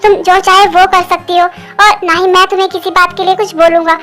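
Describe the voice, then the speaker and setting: A woman voicing a hurt young husband in a Hindi fan dub, talking slowly and flatly. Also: very high voice, soft background music. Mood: cold resigned.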